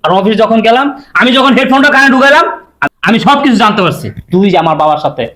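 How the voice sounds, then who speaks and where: In a melodramatic short film, a young male actor plays a furious husband accusing his wife. His voice is very high, sharp, and fast, with lively intonation and a full character delivery that sounds agitated and accusatory.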